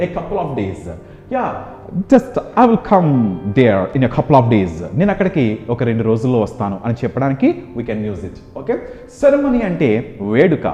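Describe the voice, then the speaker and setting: A man with a Telugu accent teaching spoken English, drilling phrases in rapid rhythmic lists. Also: medium pitch, huge pitch swings, mellow. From India. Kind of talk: classroom English lesson. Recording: echoey room, dull sound, music behind.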